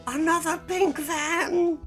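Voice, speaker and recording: A woman's voice: very high-pitched, fairly even intonation, takes it slowly, faint music behind, voice pushed up. A woman voicing an alien shopkeeper who fakes being human, speaking in a stilted, overly formal way with musing hums. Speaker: streamer playing a shop game.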